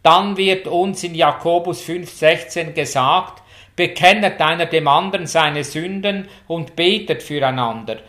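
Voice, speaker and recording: A man preaching a sermon, reading scripture quotes in a measured, solemn way. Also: fairly high pitch, sharp tone. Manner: measured, solemn, reads Bible quotes with rising fervor.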